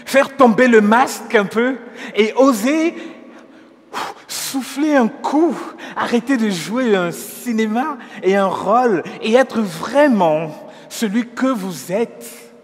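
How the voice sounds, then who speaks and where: High-voiced man preaching slowly in reverb. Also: lively intonation. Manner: measured, with frequent restarts and stumbles; earnest and gently persuasive. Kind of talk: sermon. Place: church hall.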